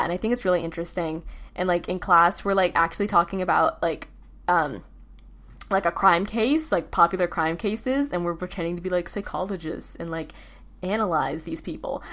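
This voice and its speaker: A teenage girl talks through her school days on her own podcast, loose and rambling, full of fillers and self-corrections. Her voice sits a touch lower than most girls'. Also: fairly bright tone. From United States. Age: teens. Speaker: podcast host. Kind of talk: casual solo chat.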